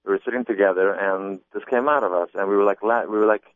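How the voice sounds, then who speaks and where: A man's voice: lowish voice, quick pace, no room sound. A man being interviewed about his comedy album, talking casually with many restarts and repeated words. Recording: muffled phone-line sound.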